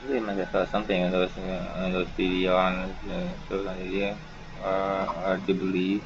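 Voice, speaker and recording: In a dull, noisy home gaming recording, a male YouTuber rambles through a casual playthrough at normal speed, half-mumbling on-screen text. His voice is low and his delivery completely flat.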